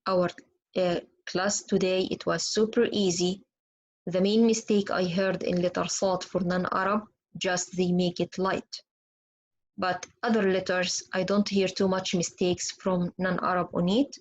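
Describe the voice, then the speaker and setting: A woman's voice: lowish voice, little pitch movement, a little slow, muffled recording. A woman whose first language is Arabic, teaching Quran pronunciation in an online lesson and demonstrating letter sounds patiently.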